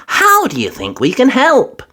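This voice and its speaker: Woman as Miss Rabbit, lively capable firefighter. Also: high voice, a little slow, voice pushed up, full character voice. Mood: can-do. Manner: upbeat, can-do, clear announcing. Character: brisk, capable grown-up female rabbit firefighter.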